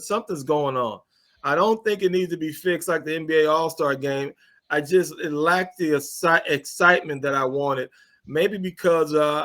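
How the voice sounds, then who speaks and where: A man's voice: on the high side, a bit bright. A man hosting a casual sports talk show from a cafe studio, loose and joking as he steers the chat. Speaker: podcast host.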